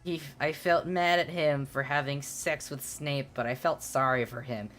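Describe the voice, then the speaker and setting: A woman's voice: low voice, fairly even intonation, normal speed, fairly bright tone, soft background music. A woman streamer reading a fan fiction aloud and breaking off for sardonic, giggly, mocking asides.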